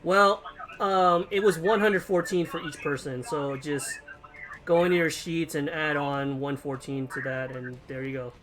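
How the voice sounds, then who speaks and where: A man's voice: a little high, a little slow. A man running an online tabletop game as game master, casual and chatty with lots of fillers and laughs.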